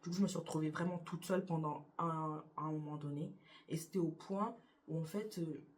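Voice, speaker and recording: A young woman with a low, steady voice answers get-to-know-me questions briskly for her vlog. The YouTuber is in her bedroom by a window, speaking casually but hesitantly, with many fillers and frequent restarts.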